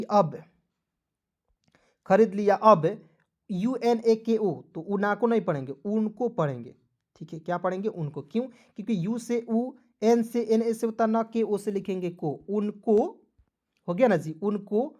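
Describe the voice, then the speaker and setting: A man's voice: sits high, a little mellow. A man teaches an online English spelling lesson. He spells each word letter by letter in a friendly way, keeps calling his viewers friends, and keeps asking if they follow. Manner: spells words letter by letter, often asking "ठीक है ना".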